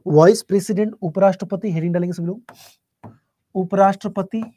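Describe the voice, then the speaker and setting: A man teaching a live online exam-prep class, speaking softly and unhurriedly while answering students' chat questions. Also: sits high, slight background noise. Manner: soft-spoken, calm and unhurried.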